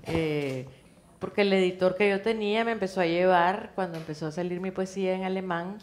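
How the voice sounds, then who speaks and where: A woman's voice: on the low side, brisk. A woman writer on a book fair panel telling her own experience, a little hesitant. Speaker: poet and novelist, panel guest. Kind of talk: casual panel talk.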